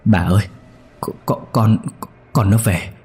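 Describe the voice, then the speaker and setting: A shaken father stammering in fear, as a man puts him on, his husky voice pushed higher than the narrator's own. Faint music runs underneath. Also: unhurried, darkish tone. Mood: frightened. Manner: stammering, frightened. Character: terrified middle-aged father.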